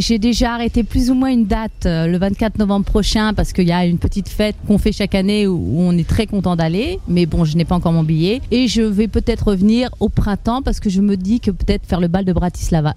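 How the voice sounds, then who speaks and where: A woman's voice: mid-range voice, fairly quick, few pauses, mellow. A woman from Paris, answering interview questions in a chatty way, with many fillers and restarts. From Paris, France. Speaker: interviewee, expatriate mother.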